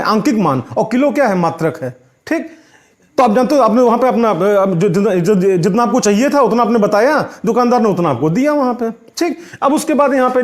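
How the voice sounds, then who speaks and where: High-voiced man teaching physics. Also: a little mellow. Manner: checks in often with rhetorical questions. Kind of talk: explanatory classroom lesson.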